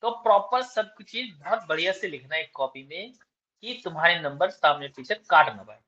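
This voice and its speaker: A man's voice: fairly high pitch, animated, sharp tone, lo-fi sound. A man teaching chemistry, lecturing his class and dictating answers to write down. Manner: switches between rapid chat and slow word-by-word dictation.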